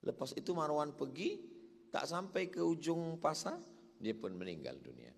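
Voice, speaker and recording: A man, an Islamic preacher, telling religious stories in a lively way and acting out the quoted speech. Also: fairly high pitch, moderate pace, creaky, breathy edge. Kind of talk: religious talk with storytelling. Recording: long hall reverb.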